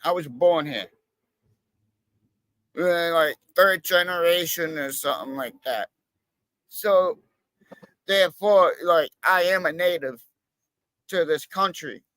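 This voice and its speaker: A man with a fairly high voice rambles through a casual livestream chat, swearing freely and leaning on fillers. The sound is dry and close, with no room around it. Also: takes it slowly, long pauses, a bit bright, no room sound. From Massachusetts, USA. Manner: rambling, profane, with many fillers. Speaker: livestream guest, cop watcher.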